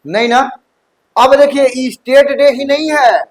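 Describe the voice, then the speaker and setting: High-voiced male coaching teacher. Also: a little slow, rough recording. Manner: checks understanding often, mixes English terms into Hindi. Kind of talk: classroom lecture. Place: classroom.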